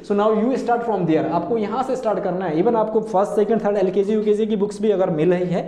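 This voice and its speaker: A man's voice: sits high, a little fast, mellow, reverberant. A man with an Indian accent teaching an English class, mixing Hindi and English, repeating words and quizzing his students. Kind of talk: classroom lesson.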